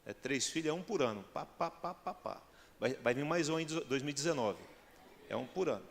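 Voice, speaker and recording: A man's voice: medium pitch, animated, fast talker, gravelly, a little hiss or hum. A male pastor with a Brazilian accent preaching a sermon, firing rhetorical questions at the congregation and building to emphatic peaks. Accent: Brazilian Portuguese. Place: church hall. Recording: long church hall reverb.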